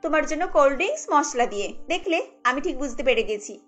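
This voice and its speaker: A woman's voice: high-pitched, expressive, fast, fairly bright tone, soft background music. A woman voicing an overworked young daughter-in-law in a cartoon, tired and complaining. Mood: weary. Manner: tired, complaining under her breath.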